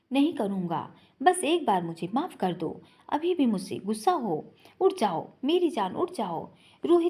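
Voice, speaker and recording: A woman's voice: a little high, a little mellow, husky, full character voice. A woman voicing a grief-stricken young husband who pleads and rages in desperation.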